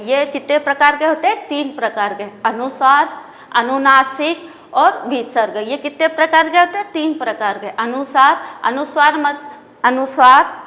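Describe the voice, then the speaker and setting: A woman teacher with a high voice gives a slow classroom lesson, asking a question, answering it herself, then repeating both. She has an Indian Hindi accent. Her voice carries a long reverb, as in a hall. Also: pushed and bright. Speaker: school teacher.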